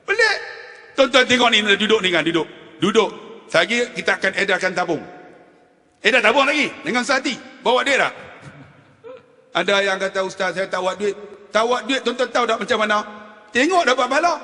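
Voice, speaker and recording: A man preaches in a very high, bright, forceful voice, joking and laughing along with the congregation. His animated storytelling rings with a long reverb through a mosque hall. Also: a little fast, pauses often, distant mic. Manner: animated storytelling, laughing at his own jokes, repeatedly calling out to the audience. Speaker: religious preacher at a mosque forum. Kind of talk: humorous sermon addressing the congregation.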